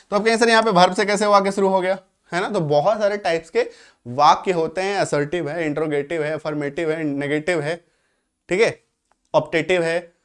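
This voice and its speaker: A man teaching English vocabulary in a Hindi-medium lesson, explaining patiently, repeating examples and often checking that students follow. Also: sits high. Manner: explanatory, repeats phrases, checks with "clear hai?"; spells out English examples slowly.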